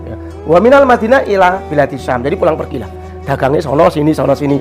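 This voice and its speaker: Man, high voice, chatty religious teacher, lively storyteller, faint music bed. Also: quick pace. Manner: animated, acts out quoted characters with raised pitch. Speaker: religious teacher explaining a kitab. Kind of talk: casual storytelling explanation.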